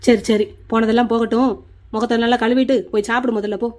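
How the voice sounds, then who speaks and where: A woman's voice: on the high side, level tone, fast talker, a little mellow, close to an everyday voice. A woman voicing an elder brother in a cartoon who apologises to his crying sister and comforts her. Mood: gentle. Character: remorseful elder brother, gruff then tender.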